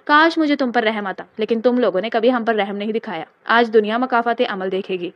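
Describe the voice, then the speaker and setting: A woman's voice: a little high, no room sound, dull audio, close to an everyday voice. A woman voicing a cruel, vengeful man of about thirty who speaks with cold contempt. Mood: menacing.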